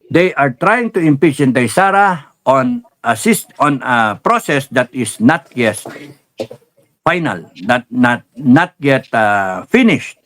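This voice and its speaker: Filipino guy rambling about politics, taglish, chuckles a lot, mid-pitched voice. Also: fairly bright tone. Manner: rambling, mixes Tagalog and English, chuckles while talking. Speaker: political commentator. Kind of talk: casual political commentary.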